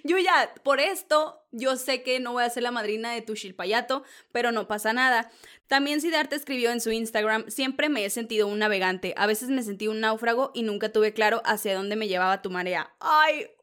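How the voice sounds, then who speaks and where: Mexican woman, young adult, gossip host; chatty, dramatic and gushing, a touch high-voiced. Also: brisk, fairly bright tone. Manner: dramatic, gushing, chatty, addresses listeners as sisters. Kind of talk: casual celebrity gossip chat.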